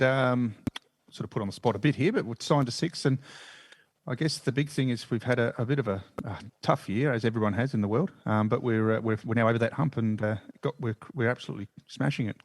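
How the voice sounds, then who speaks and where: A man's voice: medium pitch, no echo. A man talking casually as part of a podcast panel. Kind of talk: casual chat.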